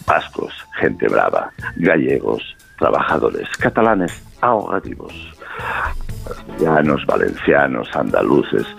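A man's voice: extremely low pitch, sing-song, a little slow, creaky, a bit bright, faint music behind, pitched below the performer's own voice, exaggerated voice. A man voicing a pompous foreign male train traveler in a joke, speaking in stiff broken phrases and reeling off lists of facts.

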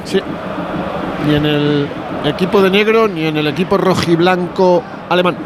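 A man's voice: high-pitched, moderate pace, background noise. A man with a Spain Spanish accent giving emphatic opinions as a football pundit during a live match. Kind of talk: excited match commentary and opinion.

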